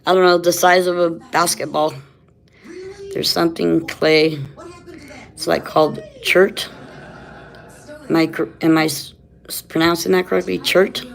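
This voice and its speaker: A woman's voice: fairly low pitch, gravelly. A woman chatting casually in a rambling way, often checking for agreement, with slightly slurred sibilants from missing teeth. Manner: often ends phrases seeking agreement with "right". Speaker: vlogger.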